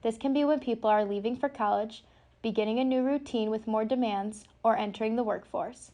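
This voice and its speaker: A woman's voice: a little high, brisk, warm tone. A young woman, a student reporter, reading scripted narration for a news package. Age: young adult.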